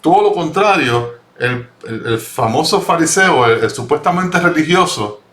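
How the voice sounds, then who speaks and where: A man's voice: on the high side, lively intonation, normal speed, fairly bright tone. A man teaching a Bible study, reading scripture and explaining it earnestly, often repeating and rephrasing his words. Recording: roomy echo.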